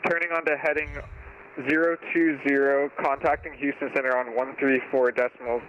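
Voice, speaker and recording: A man's voice: mid-range voice, little pitch movement, a little fast, muffled recording, faint music behind. A man talking as a pilot over a cockpit headset radio, reading back tower instructions in clipped, procedural phrasing. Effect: pilot voice heard over a cockpit headset radio. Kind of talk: radio readback in aviation phrasing.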